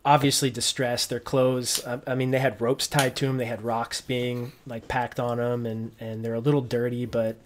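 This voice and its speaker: A man's voice: medium pitch, little pitch movement, normal speed, hardly any pauses, a little hiss or hum. A man working as game master, narrating a tabletop roleplaying game informally and piecing descriptions together as he goes.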